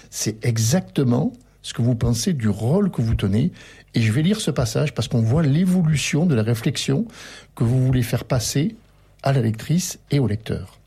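A man hosting a radio book interview, reading passages aloud with animated emphasis. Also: medium pitch, husky. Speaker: radio host.

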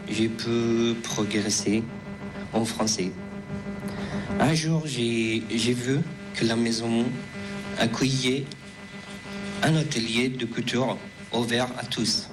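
A man in his thirties with an Afghan accent reads his testimony at a very slow, careful pace. His voice sits at an ordinary middle pitch, and he stops and restarts words. Clear music plays behind him. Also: fairly even intonation, rough recording. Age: 30s. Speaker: refugee giving testimony. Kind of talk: reading a prepared testimony.

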